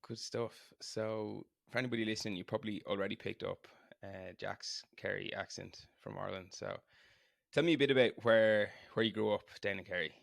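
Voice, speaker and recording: A man's voice: lowish voice, fairly even intonation, brisk, creaky, dry recording. A man hosting a podcast in a conversational style, explaining things and putting questions plainly to listeners and guest. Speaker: podcast host. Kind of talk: conversational podcast introduction and interviewing.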